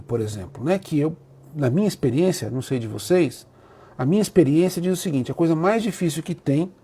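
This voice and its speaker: Husky, warm-voiced Brazilian man. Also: fairly high pitch. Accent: Brazilian Portuguese. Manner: emotional, openly moved, speaks with feeling. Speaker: Umbanda priest and teacher. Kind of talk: heartfelt live talk to viewers.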